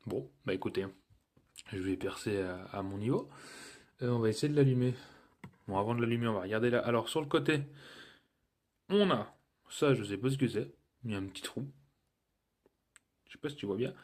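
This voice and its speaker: A man's voice: mid-range voice, brisk, long pauses, a little mellow. A man talking casually through an unboxing review of a cheap gadget, joking and filling gaps with hesitations. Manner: chatty and joking, with many fillers. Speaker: tech reviewer.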